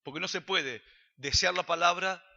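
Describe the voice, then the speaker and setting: A man's voice: high-pitched, moderate pace, gravelly, pushed and bright. A man with an Argentine accent preaching a sermon, asking his congregation questions and answering them himself. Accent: Argentine Spanish. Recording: dull recording with long hall reverb.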